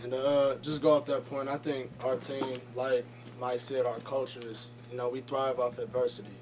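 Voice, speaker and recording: A young man, a college running back, giving short, measured answers at a post-game press conference through a table microphone. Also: medium pitch, level tone, over music. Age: young adult. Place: press conference room, indoors. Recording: noticeable background noise.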